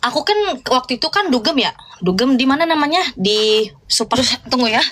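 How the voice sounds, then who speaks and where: A woman's voice: high-pitched, expressive, fairly quick, a bit bright. A young woman chats into her phone on a live stream. She answers viewer comments and drifts into gossipy stories. A faint noise sits under her voice. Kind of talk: casual live-stream chat.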